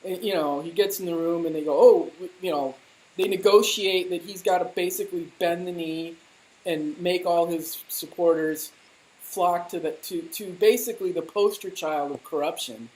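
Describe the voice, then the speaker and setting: A woman's voice: on the low side, moderate pace, a little mellow, low-quality recording. A woman talking politics in casual chat, heated and mocking, with a lot of swearing. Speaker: political commentator.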